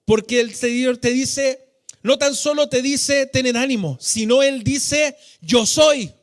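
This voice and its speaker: A man's voice: extremely high pitch, slow pace. A Chilean man preaching a sermon in a church, fervent and emphatic, stretching out key phrases with sung cadences. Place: church hall.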